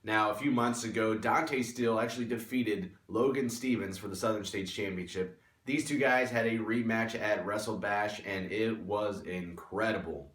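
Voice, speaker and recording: Echoey room: male wrestling host, slightly low voice, presenting segments. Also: normal speed, fairly bright tone.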